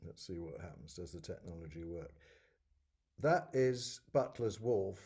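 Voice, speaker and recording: Wry low-voiced male moderator. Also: lively intonation, a little slow, a little mellow, husky. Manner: dry, wry humour. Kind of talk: panel discussion.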